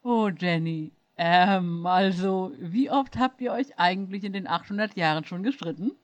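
A woman reading a German fan story aloud, voicing a patient, good-humoured young man who explains things calmly. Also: on the low side, normal speed, no room sound, close to an everyday voice. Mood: amused. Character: patient, amused young man, a calm helper.

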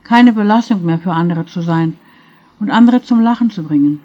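A woman's voice: fairly low pitch, lively intonation, moderate pace, dark tone, lo-fi sound. Lonely, resigned woman, as a reader voices her. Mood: sad. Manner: sad, resigned.

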